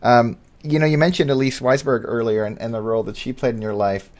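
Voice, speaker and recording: Halting male podcast host. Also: mid-range voice, steady tone, a little mellow. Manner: halting and searching for words, with many ums and repeated words. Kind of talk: casual interview conversation.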